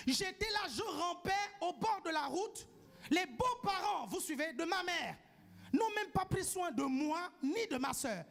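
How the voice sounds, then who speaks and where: A man delivers a sermon in a strikingly high voice. He presses each point home, keeps asking his listeners whether they follow, and now and then bursts into a shout. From grew up outside France. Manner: emphatic, keeps asking the congregation "do you follow?". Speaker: preacher.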